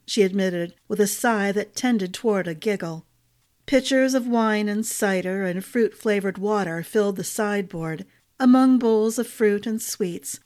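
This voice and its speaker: Female storyteller, mid-pitched, measured audiobook-style fantasy reading.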